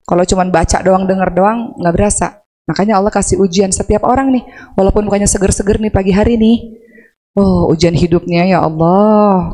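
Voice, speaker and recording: A woman preacher with a medium-pitched, warm voice gives a religious talk to women in a large mosque hall, speaking conversationally and asking the audience questions. At times she raises her voice to act out anguished prayers, and the recording carries long hall reverb.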